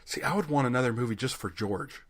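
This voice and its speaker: A man talking casually as a podcast co-host, his pitch in an ordinary middle range. He is chatty, hesitates now and then, and laughs easily. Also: fast talker. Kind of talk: casual chat.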